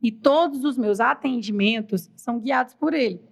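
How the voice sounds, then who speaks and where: A Brazilian woman with a voice a bit above average pitch tells personal stories in a podcast studio. She is animated and acts out both sides of conversations, dropping in quick asides. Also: breathy edge. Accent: Brazilian Portuguese. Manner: animated storyteller acting out dialogue, quick asides. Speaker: guest, HR executive. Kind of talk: testimony in casual podcast talk.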